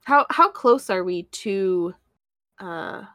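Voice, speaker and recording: A woman's voice: medium pitch, lively intonation, slow pace, fairly bright tone. A woman playing in a tabletop role-playing game who chats casually and hesitates as she thinks aloud. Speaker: player.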